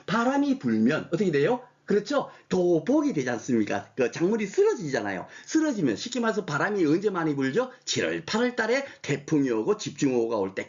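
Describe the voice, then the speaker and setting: Animated male lecturer, lo-fi sound. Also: fairly high pitch. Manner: animated, rhetorical questions, frequent "그쵸?" check-ins. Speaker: exam prep lecturer. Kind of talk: recorded online lecture. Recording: dull lo-fi lecture audio.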